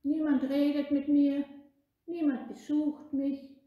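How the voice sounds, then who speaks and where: Woman voicing a cranky lonely man who shouts at visitors, echoey room. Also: high voice, flat delivery, slow pace, dull audio, voice pushed up. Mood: plaintive. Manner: shouting, then hesitant and wondering. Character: grumpy lonely man, shouting, then softening.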